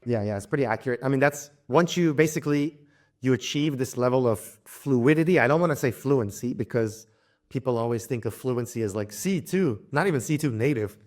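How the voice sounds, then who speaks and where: A young man from Louisiana in the United States, with a mid-range voice, is an interview guest chatting casually about travel and language learning. He sounds relaxed and halting, often restarting his sentences and laughing lightly.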